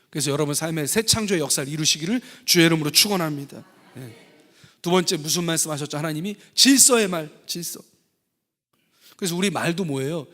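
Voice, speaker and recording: A male pastor preaching a lively sermon, asking his congregation questions as he goes. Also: fairly high pitch. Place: church sanctuary. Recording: long church hall reverb.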